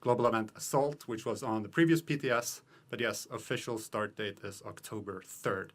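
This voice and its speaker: A man reading out game news quickly, hurried and a bit out of breath. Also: on the low side. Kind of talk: rapid news update.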